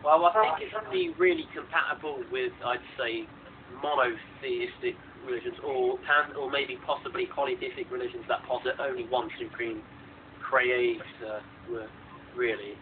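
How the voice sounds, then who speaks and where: A man's voice: mid-range voice, big pitch swings, normal speed, narrow, tinny audio. A man chatting about religion in a casual online discussion, rambling and full of likes and uhs. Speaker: debate participant. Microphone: computer microphone on a voice call. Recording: noisy compressed online voice call.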